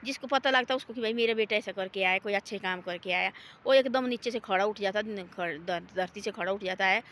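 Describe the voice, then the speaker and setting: A woman talking casually outdoors in a forest, homely and repetitive, gently moralizing. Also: medium pitch, brisk. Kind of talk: casual rambling talk.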